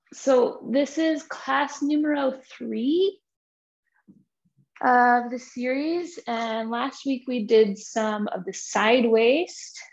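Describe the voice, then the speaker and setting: A woman fitness instructor talking her online class through the props for the day, relaxed and chatty over a video call. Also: fairly high pitch, creaky, lo-fi sound. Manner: relaxed, chatty, loose with fillers. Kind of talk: live online class intro.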